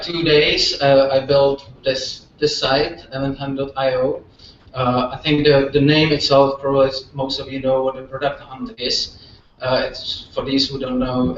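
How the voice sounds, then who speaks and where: A man's voice: mid-range voice, a bit bright, a little hiss or hum. A man from the Czech Republic with a Czech accent, giving an informal, rambling talk at a meetup, full of fillers and restarts. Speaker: meetup speaker. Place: echoey venue room at a meetup. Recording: roomy, distant, dull lo-fi audio.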